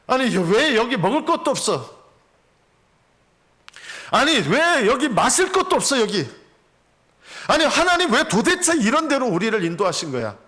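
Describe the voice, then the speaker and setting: A man's voice: mid-range voice, animated, slow, hardly any pauses, bright, forceful tone. A man voicing an irritable Israelite grumbling in the wilderness, with whiny, exasperated outbursts.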